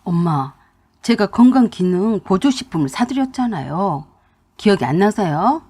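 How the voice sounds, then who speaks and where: Woman doing a husky, defensive young husband. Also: medium pitch, big pitch swings, normal speed, dark tone. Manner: pleading, defensive complaining. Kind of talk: radio drama reading.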